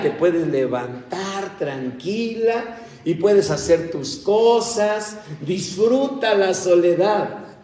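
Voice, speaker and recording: Playful slow-talking preacher, echoey hall. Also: male voice, high-pitched, warm tone. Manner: chatty and playful, acts out everyday quarrels, teases the congregation. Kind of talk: conversational sermon. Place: church hall. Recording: echoey hall heard from far off.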